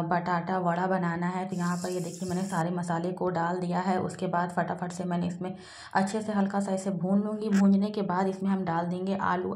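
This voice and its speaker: A woman in her thirties talks through her day as a vlog voice-over, plain and homely, with many fillers. Her voice sits low and stays flat, and the room around her echoes. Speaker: vlogger, mother narrating her day. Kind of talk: voice-over narration of a daily vlog.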